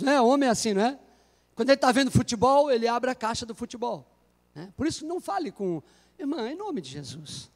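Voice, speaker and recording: A Brazilian man, a pastor, preaching a sermon in a church in an animated way full of jokes. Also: sits high. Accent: Brazilian Portuguese. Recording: long church hall reverb.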